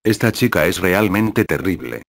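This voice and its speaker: Cold proud young woman, a guy reading her lines, low steady voice. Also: moderate pace, vocal fry, no echo, studio quality. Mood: scornful.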